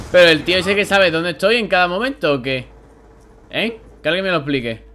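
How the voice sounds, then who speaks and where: A young man with a Spain Spanish accent doing live gameplay commentary, excitable and grumbling, swearing when frustrated. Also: high voice, a little hiss or hum. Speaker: gaming YouTuber.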